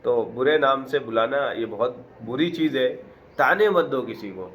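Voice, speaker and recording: A man's voice: mid-range voice, a bit bright, a little hiss or hum. Earnest man explaining verses. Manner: recites Arabic phrases then explains them in plain conversational Urdu; repetitive, earnest, preacher-like emphasis. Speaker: Quran teacher.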